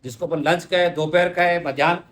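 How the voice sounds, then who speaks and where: A man's voice: on the high side, steady tone, fairly quick. A man teaching a Hindi spelling lesson for exam students, explaining each word and speaking to the students directly. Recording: echoey room, mic at a distance.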